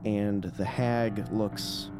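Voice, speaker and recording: Slow, low-voiced male game master. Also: steady tone, over music. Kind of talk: narrating a tabletop role-playing game.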